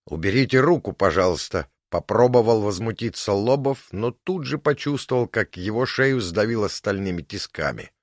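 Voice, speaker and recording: A man narrating an audiobook, expressive and storytelling. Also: lowish voice, moderate pace, hardly any pauses, dry recording, clean studio sound. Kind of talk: scripted narration.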